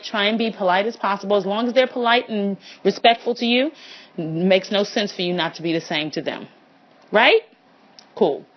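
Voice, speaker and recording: A young adult woman hosting a casual advice talk show, speaking frankly and acting out quoted lines. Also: mid-range voice. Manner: frank and animated, acts out quoted lines in character. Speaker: podcast host. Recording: dull lo-fi recording.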